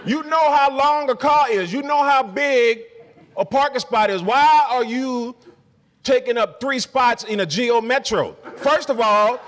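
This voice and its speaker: High-voiced ranting stand-up comedian. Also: male voice, a little slow, big-room sound. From Spokane area resident since 2001. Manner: profane, ranting, mocks locals in shouted voices. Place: comedy club.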